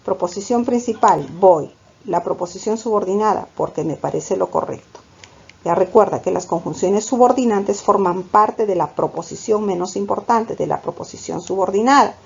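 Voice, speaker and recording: In a muffled recording, a woman with a creaky, breathy mid-range voice lectures on grammar at a normal speed. The Peruvian Spanish-accented teacher calls her class "chicos" and answers her own questions.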